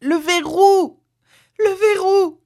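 A woman voicing a frantic, grieving old mother who shrieks and pleads in a high, strained voice. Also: extremely slow, dark tone, exaggerated voice. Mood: desperate.

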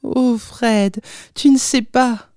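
A woman voicing an anxious young mother, speaking in a high, agitated, exclaiming way. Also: fairly even intonation, very slow, darkish tone, no echo, studio quality. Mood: distressed.

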